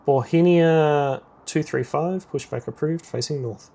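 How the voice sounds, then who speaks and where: This creaky-voiced man, cast as an air traffic controller in a sim, reads out brisk procedural radio commands at a measured pace. His pitch leans high and the sound is mellow.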